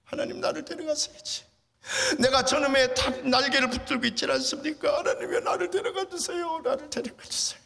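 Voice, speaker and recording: A man's voice: very high-pitched, a little fast, creaky, bright, forceful tone, voice pushed up, heavily acted. A man voicing a bedridden old father who cries out to God, pleading to be taken.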